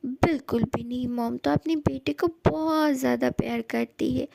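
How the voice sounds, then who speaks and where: A woman voicing a scolding but soft-hearted middle-aged mother in a fan dub drama, bossy and fussing. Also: high voice, steady tone, normal speed, vocal fry, exaggerated voice. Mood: reassuring.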